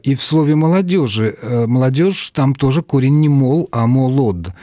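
A man on a radio talk show, explaining word structure in a measured, lecturing way. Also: mid-range voice, mellow, dry recording, clean studio sound. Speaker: language expert.

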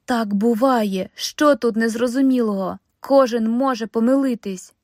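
A woman's voice: a little high, measured pace, dry recording, clean studio sound. A woman voicing a flustered, clumsy male robber who talks tensely and in exasperation in an audiobook. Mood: exasperated.

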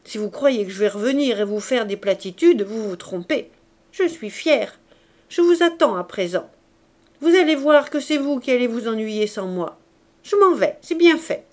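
A woman reading aloud, voicing a playful young bride who teases and pouts in a raised, lively voice. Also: unhurried, close to an everyday voice. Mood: pouting. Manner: pouting, teasing, high and bright.

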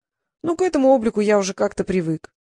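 A woman's voice: medium pitch, very animated, fast talker, warm tone, no room sound, close to an everyday voice. A woman voicing a young male dragon in human form, shy but boastful, speaking casually. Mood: sheepish. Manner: embarrassed, casual.

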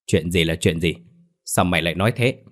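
A man voicing a gruff bewildered house master. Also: low voice, brisk, a bit bright. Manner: gruff, stammering in shock.

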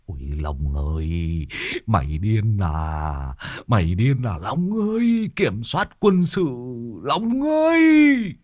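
A jittery, timid sidekick, as a male storyteller acts him out, his pleas swinging wildly up and down in pitch. He repeats himself in a panic, recorded dry and close. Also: sing-song, slow pace, darkish tone, dry recording, heavily acted. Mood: panicked. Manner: panicky, pleading, repetitive.

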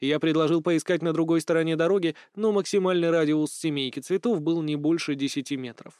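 Male narrator, fantasy audiobook, higher voice, dry studio sound. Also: fairly even intonation, brisk, darkish tone, clear, resonant tone, no echo. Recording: dry close studio mic.

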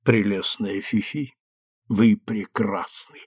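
A man reading the part of an older, calm, courtly colonel who speaks softly. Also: fairly low pitch, takes it slowly, slightly rough, no echo, clean studio sound, voice pushed down. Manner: soft, hushed, gallant.

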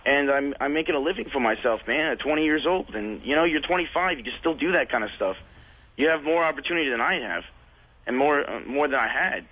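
A young man in his twenties calls in to a radio show. He talks bluntly and casually, scattering "dude" and "man" through his advice. His voice sits a bit high and comes through a tinny phone line. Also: expressive, quick pace, husky. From California. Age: 20s. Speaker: caller. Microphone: telephone.

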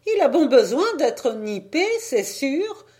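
Woman doing a chatty old spinster, high and lively. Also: slow pace, heavily acted. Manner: bright, chatty, affectionate. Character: kindly old spinster seamstress, lively and teasing.

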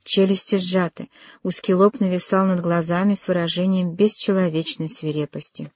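A woman narrating a literary novel as an audiobook, with a measured and dramatic reading. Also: lowish voice, fairly even intonation, no echo, studio quality.

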